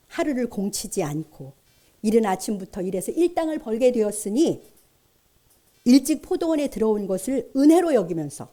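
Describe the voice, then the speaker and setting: A woman pastor delivers a sermon in a mellow, somewhat high voice. She speaks earnestly and keeps turning to the congregation with rhetorical questions. Her delivery is warm-toned.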